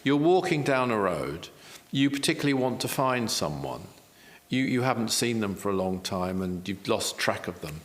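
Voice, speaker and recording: A man's voice: fairly low pitch, very animated, moderate pace, long reverb tail. A man, a spiritual teacher and author, explaining in an earnest interview style, repeating key phrases with self-deprecating asides.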